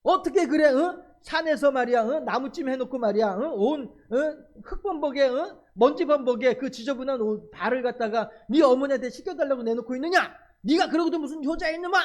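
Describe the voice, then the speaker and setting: A man voicing an indignant village man who shouts and scolds his neighbor in a finger-pointing tirade. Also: extremely high pitch, a little fast, few pauses. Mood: furious.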